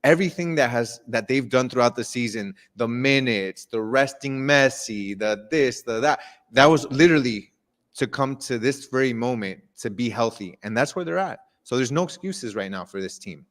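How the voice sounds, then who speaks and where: A man's voice: medium pitch, expressive, moderate pace, fairly bright tone. A man, co-hosting a casual sports live stream, emphatic and confident, often repeating words as he builds a point. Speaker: sports show co-host.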